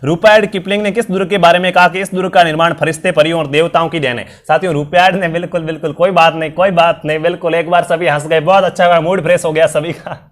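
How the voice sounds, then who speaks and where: Speaking quickly with hardly a pause, this young online exam-prep teacher has a fairly high, steady voice that sounds strained and tired from sickness and nonstop talking. He cheerfully fires the same quiz questions at his live class again and again, using plenty of fillers.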